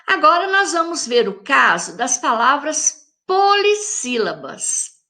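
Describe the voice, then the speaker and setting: A woman teacher with a Brazilian Portuguese accent, speaking to children at an unhurried pace. Her voice is bright and fairly high, and her pitch moves up and down a lot. She draws out example words slowly and talks to her pupils directly. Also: sing-song. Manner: slow, drawn-out syllables when saying example words; addresses young pupils directly, friendly teacher tone. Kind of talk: recorded classroom lesson for children.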